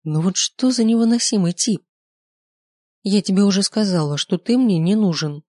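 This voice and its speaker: Grumbling, defiant young heroine for an audiobook, put on by the reader, pitched up, dry recording. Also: normal speed, a little mellow, no echo, lightly acted. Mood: grumpy. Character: sharp-tongued young woman werewolf heroine. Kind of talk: audiobook character voice.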